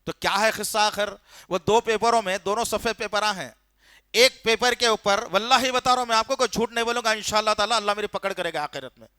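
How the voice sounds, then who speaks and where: A man's voice: high-pitched, pushed and bright, clean tone, no echo, clean studio sound. A man preaching a sermon. He tells the story with fervour and indignation, and he puts questions straight to his listeners. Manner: storytelling, questions the audience directly; fervent, indignant.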